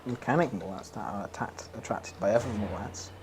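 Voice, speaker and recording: A man's voice: fairly low pitch, a little fast, vocal fry, background noise. A young man chatting casually while playing a game, rambling, opinionated and laughing often. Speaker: gaming streamer.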